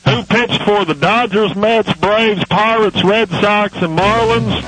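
A man playing a friendly radio show caller in a comedic bit, talking in a casual, halting way with fillers. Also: high voice, over music, rough recording.

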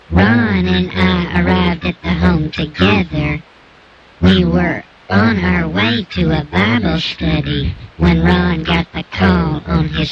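A disguised, digitally altered informant voice. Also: male voice, high voice, vocal fry, lo-fi sound, full character voice. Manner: slow, formal, overwrought storytelling. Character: anonymous male informant, solemn and pious. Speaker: guest informant. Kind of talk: radio comedy bit.

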